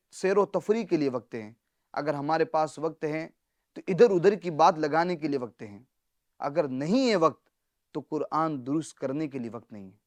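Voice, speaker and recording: A man hosting a televised Quran lesson, teaching earnestly and preachily, repeating phrases for emphasis and dropping to a hush for solemn words. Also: on the high side, no echo, studio quality. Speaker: Quran recitation teacher and TV host.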